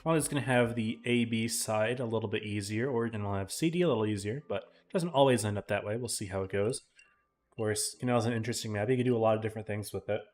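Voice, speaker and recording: A man casting a live esports match in a casual, chatty way, his voice tiring and often clearing his throat. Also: lowish voice, fast, a little mellow, soft background music. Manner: casual, chatty, talks to chat viewers. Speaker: esports caster.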